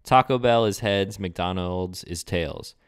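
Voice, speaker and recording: Low-voiced man cracking crude jokes. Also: slow, clean tone. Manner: crude, joking, acts out bits. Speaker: podcast co-host. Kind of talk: casual chat.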